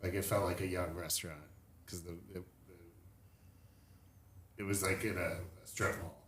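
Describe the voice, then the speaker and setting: A man with a low voice describes his week on a podcast, halting and restarting as he hunts for the right word. The sound is roomy and echoey, with a faint wash of background noise. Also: level tone, fairly bright tone. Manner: hesitant, full of restarts and fillers. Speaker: podcast co-host. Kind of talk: casual chat.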